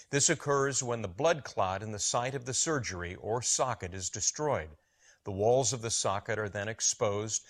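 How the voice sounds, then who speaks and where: A man playing a calm oral surgeon, explaining in measured, formal scripted narration. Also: lowish voice, natural voice. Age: 50s. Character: calm middle-aged male oral surgeon advising patients. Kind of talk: scripted patient-education narration.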